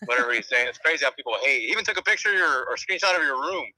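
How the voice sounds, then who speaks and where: A man's voice: fairly high pitch, animated, very fast, sharp tone, no echo, rough recording. A man phoning a show from a station, chatting in easygoing slang, with a hollow, tunnel-like sound to the call. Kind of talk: casual chat.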